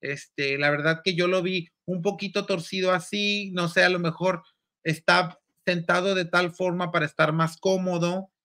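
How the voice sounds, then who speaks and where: A man's voice: high voice, fairly even intonation, normal speed, sharp tone. A man hosting a casual gossip show, campy and exclamatory, reading viewer comments aloud. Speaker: show host.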